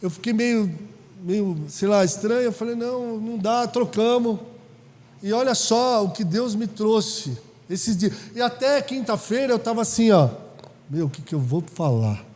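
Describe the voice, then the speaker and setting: High-voiced São pastor preaching. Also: male voice, a little slow, a little mellow. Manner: conversational preaching, asks the congregation questions. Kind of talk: sermon. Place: church hall. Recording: reverberant church hall.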